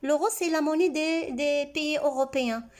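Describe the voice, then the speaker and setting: In a high-pitched, slightly mellow voice, a woman primary school teacher gives young pupils a reading lesson. She pronounces words slowly and clearly syllable by syllable, asks the class questions and praises what they answer.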